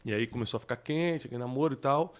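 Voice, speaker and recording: A man's voice: mid-range voice, rapid-fire, clean tone. A man, a podcast host candidly telling personal stories in casual conversation and laughing at himself.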